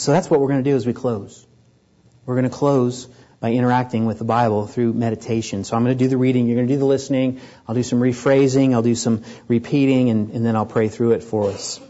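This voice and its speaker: A man preaching a sermon to a congregation, earnest and building up in pitch and volume to stress his points. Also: mellow, highs cut off. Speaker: pastor.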